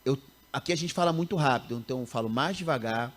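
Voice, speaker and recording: A man in his thirties from Rio de Janeiro with a Carioca Brazilian accent, a missionary teacher telling stories in a casual interview, animated and often breaking off mid-sentence. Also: mid-range voice, fast talker. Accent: Carioca Brazilian Portuguese. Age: 30s. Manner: animated, self-interrupting, laughs at own stories.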